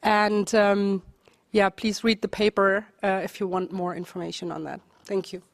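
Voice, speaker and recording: A woman speaking on a conference panel, explaining her research earnestly in quick runs, with occasional restarts. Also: medium pitch, flat delivery, creaky, no echo. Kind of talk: conference presentation and answers.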